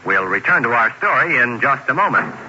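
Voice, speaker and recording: A man's voice: mid-range voice, big pitch swings, brisk. A man announcing an old-time radio drama in a theatrical, formal manner. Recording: noisy, muffled old radio recording.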